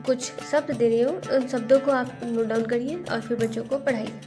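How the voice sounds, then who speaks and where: A woman's voice: fairly high pitch, fairly even intonation, normal speed, over music. A woman teaching a Hindi lesson, sounding out syllables and repeating each word twice. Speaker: home tutor teaching Hindi to parents. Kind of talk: slow spelled-out lesson.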